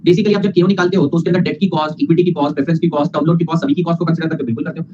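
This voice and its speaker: A male teacher giving a lively lecture, mixing Hindi and English and acting out students' replies. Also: fairly high pitch. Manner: fast, playful, mixes Hindi and English, acts out students. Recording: lo-fi with background hiss.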